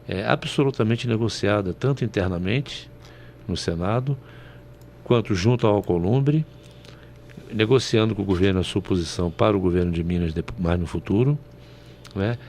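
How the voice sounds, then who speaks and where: A man's voice: fairly low pitch, moderate pace, darkish tone, a little hiss or hum. A man from Brazil commenting on politics on a panel show, folksy and anecdotal, often ending with "né?".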